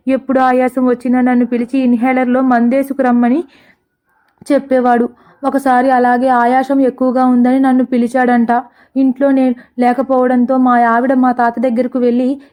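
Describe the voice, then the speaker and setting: A woman's voice: sits high, darkish tone, lightly acted. A woman voicing a foolish, weepy male chauffeur in a comic story. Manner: whiny, sobbing.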